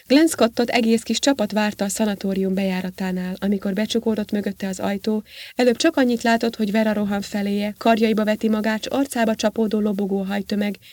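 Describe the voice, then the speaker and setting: A woman narrating an audiobook in a steady, even reading voice. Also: mid-range voice, no room sound. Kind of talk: scripted narration.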